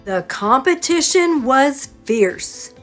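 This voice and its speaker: A woman narrates a travel video at a slow, deliberate pace. Her higher-pitched voice moves animatedly through each phrase, with faint music underneath. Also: animated, a bit bright.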